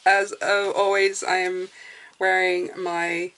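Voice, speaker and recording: A woman's voice: on the low side, flat delivery, slow, fairly bright tone. A woman with a whistling s, talking casually through her budget as a hands-on vlogger. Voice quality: whistling s from clear aligners.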